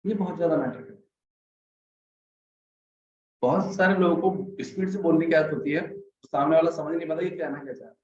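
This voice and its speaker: A man's voice: fairly high pitch, echoey room, highs cut off. A man giving a casual lesson on communication skills, asking his listeners "right?" often and acting out his examples. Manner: chatty, asks the audience "right?" often; acts out examples by speeding up, slowing down and getting louder.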